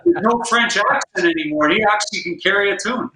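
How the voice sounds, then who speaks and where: A man's voice: high voice, lively intonation, brisk, bright, forceful tone, a little hiss or hum. A man guest-hosting a podcast, chatting casually and easily with fillers. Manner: easygoing, rambling with fillers. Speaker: guest host and guitar player. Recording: roomy echo.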